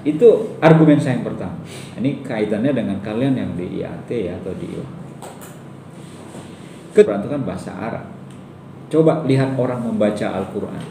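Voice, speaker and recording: A man's voice: fairly low pitch, expressive, normal speed, creaky, long pauses, warm tone, a little hiss or hum. A man giving a classroom lecture, emphatic and putting questions to his listeners. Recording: echoey room from far off.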